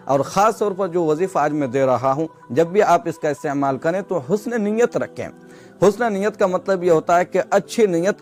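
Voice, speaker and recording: A man with a way of speaking, earnestly explaining a devotional practice to his viewers step by step and repeating himself. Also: fairly high pitch. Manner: earnest, repetitive, addresses viewers as friends. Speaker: religious instructor. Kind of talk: devotional instruction to camera. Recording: soft music behind.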